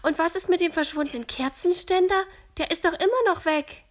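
A woman voicing an eager young girl detective who talks fast and excitedly. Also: very high voice, voice pushed up.

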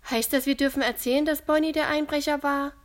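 A woman's voice: high voice, steady tone, fairly quick, pitched above the performer's own voice, lightly acted. A woman voicing a thoughtful young boy detective who speaks earnestly.

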